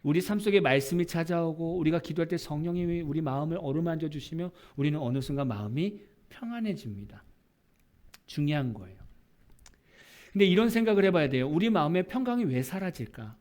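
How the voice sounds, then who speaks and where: Lively, high-voiced man preaching. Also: fairly quick. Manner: lively preaching, rhetorical questions, acts out small scenes. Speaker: pastor. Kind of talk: sermon.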